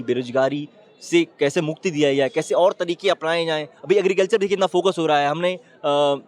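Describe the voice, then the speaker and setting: High, fast-talking man giving his opinion. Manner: emphatic, argumentative, keeps saying "look". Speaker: interviewee giving public opinion. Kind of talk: street opinion interview.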